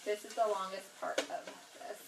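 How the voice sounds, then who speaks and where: A woman's voice: medium pitch, little pitch movement, moderate pace, very noisy. A middle-aged woman hosting a live cooking video at home, chatting with viewers and greeting them by name as she cooks. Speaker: cooking vlog host. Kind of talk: casual live-stream cooking chat.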